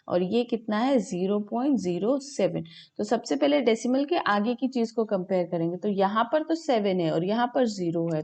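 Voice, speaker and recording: A woman teaches a maths class over a video call from home, checking in with "okay" after nearly every step. Her voice sits in a middle pitch, mellow and soft at the edges, with a gravelly rasp in it. She asks her students questions and then answers them herself. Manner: repeats "ठीक है" often, mixes Hindi and English, asks and answers her own questions. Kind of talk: online class lesson.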